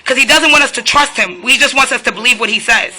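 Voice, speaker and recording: This is a woman's voice on the high side, sharp in tone and fast. As a resident recording a police standoff from indoors in her apartment, she delivers agitated protest commentary live, asking rhetorical questions and turning to confront the officers.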